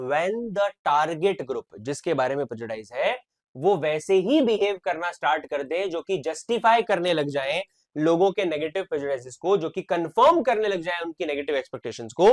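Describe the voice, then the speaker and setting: High-voiced animated male teacher. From India. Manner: animated, emphatic, switches between Hindi and English. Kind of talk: online exam-prep lecture.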